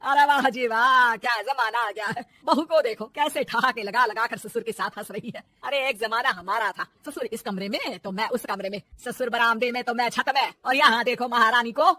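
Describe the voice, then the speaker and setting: A woman voicing a bossy, sharp-tongued mother-in-law in a cartoon. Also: fairly high pitch, moderate pace, hardly any pauses. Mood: scolding. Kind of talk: cartoon voice acting.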